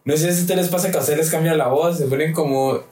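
A man with a very high voice talks casually on a podcast, rambling and restarting as he mimics the people he quotes. He sounds distant from the mic. The room is echoey, with a faint noise behind him. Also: steady tone, quick pace, a little mellow. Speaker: podcast guest. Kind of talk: casual chat.

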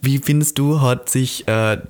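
A man's voice: medium pitch, steady tone, darkish tone. A young man with an Upper Austrian accent, co-hosting a podcast in a chatty, teasing way. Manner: chatty, jokey, quick to tease. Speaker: podcast co-host. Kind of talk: casual podcast chat.

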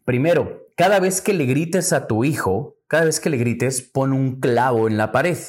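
A man voicing a calm older male spiritual teacher who gives patient, step-by-step instructions. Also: medium pitch, measured pace, natural voice.

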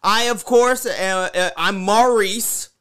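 A man's voice: high voice, slow pace, fairly bright tone, smooth. A man co-hosting a podcast in casual, bantering chat, with a playful, teasing manner. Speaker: podcast co-host.

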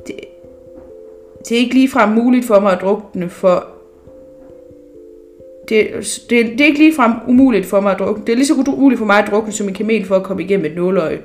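A woman's voice: mid-range voice, pauses often, darkish tone, faint music behind, natural voice. A woman reading a storybook aloud, voicing a stout, boastful male sea captain who has become king of an island.

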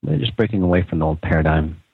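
Deep, husky man guiding meditation over phone-like audio. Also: no room sound. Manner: calm, casual, informal phrasing with pauses. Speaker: guided meditation podcast host. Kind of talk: guided meditation, unscripted instruction. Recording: muffled, phone-like narrow sound.

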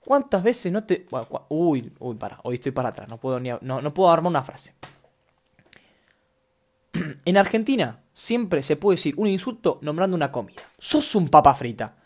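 A man's voice: on the high side, expressive, normal speed, a little mellow. A young man with a Rioplatense Spanish accent, hosting a solo podcast, talking in a scattered, self-mocking way full of slang. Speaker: podcast host.

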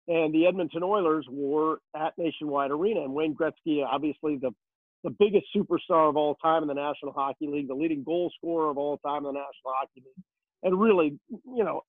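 A man telling behind-the-scenes stories as a rinkside hockey reporter, rambling and chatty with lots of fillers. His voice sits a bit high, and it comes through a thin, phone-like line. The sound is dry and close, with no room echo. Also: brisk. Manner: chatty storyteller, many fillers. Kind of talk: casual interview answers.

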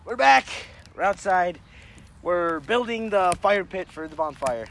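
A man's voice: sits high, expressive, measured pace, creaky, fairly bright tone. A young man hosting a casual podcast, swearing freely and rambling while hanging out at a backyard barbecue with friends. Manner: profane, rambling. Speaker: podcast host. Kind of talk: casual chat. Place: backyard barbecue, partly outdoors.

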